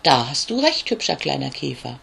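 A storyteller voicing a big, friendly male raven who croaks and speaks in a kindly, obliging way. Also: medium pitch, very animated, normal speed, a bit bright, a little hiss or hum, exaggerated voice.

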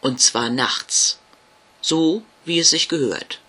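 A man voicing a big, grumpy old ghost who guards his castle, speaking loudly and with drawn-out words. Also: fairly high pitch, husky, pitched above the performer's own voice, heavily acted. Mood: stern. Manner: loud, shouting and drawn out.

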